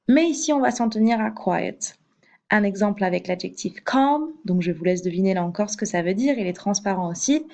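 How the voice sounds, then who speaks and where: A woman's voice: medium pitch, darkish tone. A woman teaching an English grammar lesson in French, patient, with fillers and hesitations, repeating each example twice.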